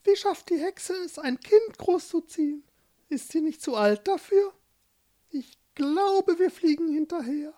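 Storybook doves, very high, cooing singsong. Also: female voice, lively intonation, unhurried, dark tone. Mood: worried. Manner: cooing sing-song with "guru" calls.

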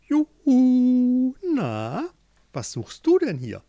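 A man's voice: fairly high pitch, very animated, moderate pace, gravelly, darkish tone, dry recording, full character voice. A man voicing a cheerful, scatterbrained female millipede who rambles and loses count. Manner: chirpy, distracted, rambling.

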